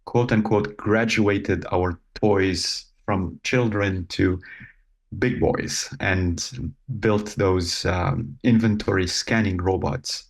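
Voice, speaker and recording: This Lebanese man, a robotics company founder appearing as a guest, has a gravelly, low voice with fairly even intonation. In casual interview talk, he comes across as measured and thoughtful, pausing often with fillers.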